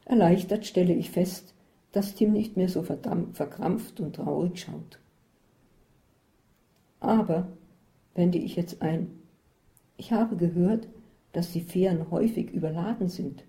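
Reading a first-person story aloud with care, a woman narrates in a measured, descriptive way, her fairly low voice very mellow and dark.

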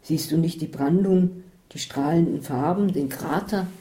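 Woman reading a level-headed traveler, patient and down to earth, with a dark tone. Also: sits low, moderate pace, lightly acted, poor audio. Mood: enthusiastic. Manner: patient and matter-of-fact. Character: calm, capable woman, enthusiastic traveler.

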